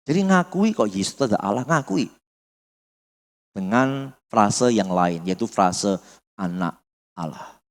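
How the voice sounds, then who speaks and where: A man preaching a teaching sermon, firing rhetorical questions and dropping from loud to almost muttered. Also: fairly low pitch, expressive, unhurried, pauses often. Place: church hall. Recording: long hall reverb.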